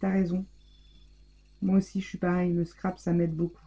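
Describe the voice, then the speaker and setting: Gushing woman with a dark husky voice. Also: on the low side, level tone, moderate pace, poor audio. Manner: effusive, gushing over handmade gifts. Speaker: scrapbooking channel host. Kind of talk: casual mail-opening vlog.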